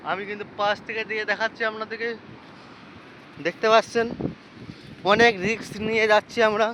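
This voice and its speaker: A man's voice: sits high, level tone, brisk, sharp tone. A man vlogging casually by a muddy riverbank and on a boat, chatting to his viewers and calling out to passers-by, recorded on a handheld phone. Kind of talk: casual walking vlog commentary. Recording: outdoor wind and boat noise.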